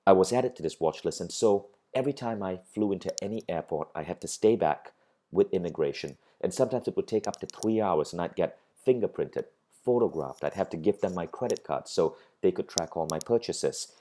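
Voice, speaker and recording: Low, mellow man from Malaysia teaching. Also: lively intonation, fairly quick. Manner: earnest, motivational, repeats words while building a point. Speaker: course instructor. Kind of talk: recorded online course lecture.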